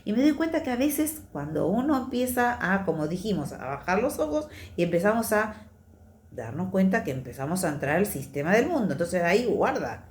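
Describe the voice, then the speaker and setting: A woman's voice: medium pitch, very animated, fairly quick, roomy sound, slight background noise. A woman with a Rioplatense Spanish accent giving a conversational testimony sermon in church, confiding and chatty, often checking in with her listeners. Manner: chatty, confiding, often adds tag questions.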